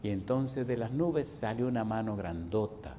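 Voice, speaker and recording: A man's voice: on the low side, expressive, moderate pace, slight background noise. Fervent Dominican pastor in his sixties. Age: 60s. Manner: fervent, folksy, swings from loud preaching to hushed telling. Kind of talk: sermon with personal storytelling.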